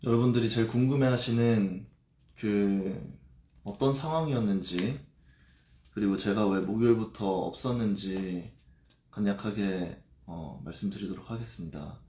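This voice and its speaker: A man livestreaming and speaking in a halting, hesitant confessional way, with frequent pauses and fillers. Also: on the low side, warm tone, reverberant.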